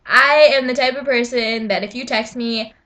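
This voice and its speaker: A woman's voice: fairly high pitch, steady tone, normal speed, bright, forceful tone. A teenage girl chatting on a vlog, laughing often and adding playful dramatic asides. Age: teens. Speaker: vlogger. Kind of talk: casual chat.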